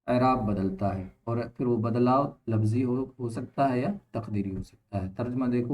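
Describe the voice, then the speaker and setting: A male teacher giving a grammar lesson in an unhurried, patient way. He reads passages of text aloud and then explains them piece by piece. He keeps stopping to ask whether his students have understood. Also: mid-range voice, darkish tone, poor audio. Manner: explains slowly, repeats points, checks understanding with quick questions. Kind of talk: classroom-style grammar lesson.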